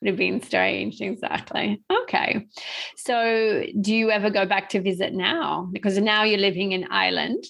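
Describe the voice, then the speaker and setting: A woman's voice: medium pitch, fairly even intonation, normal speed, vocal fry, fairly bright tone. A woman co-hosting a podcast, chatting casually and asking questions in a friendly way, laughing often. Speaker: podcast co-host. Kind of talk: casual interview chat.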